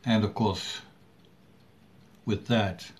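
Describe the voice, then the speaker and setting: A middle-aged man from Sweden, talking casually to camera in a halting way with long pauses and throat clearing. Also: lowish voice, fairly even intonation. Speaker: vlogger. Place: small room at home indoors. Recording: clearly audible background noise.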